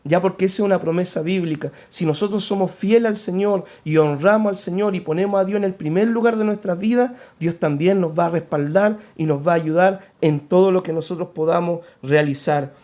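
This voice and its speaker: A Chilean man preaching from the pulpit in a notably high voice. He speaks earnestly, turning pleading when he voices prayers. He peppers his points with quick "¿cierto?" check-ins to the congregation. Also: warm tone. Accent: Chilean Spanish. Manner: preaching with frequent "¿cierto?" asides. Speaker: pastor. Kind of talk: sermon.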